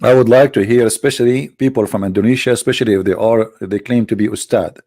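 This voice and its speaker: A man's voice: mid-range voice, quick pace, mellow. A man with a cold delivering a polemical monologue, mocking and full of rhetorical questions. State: has a cold. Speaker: online religious critic.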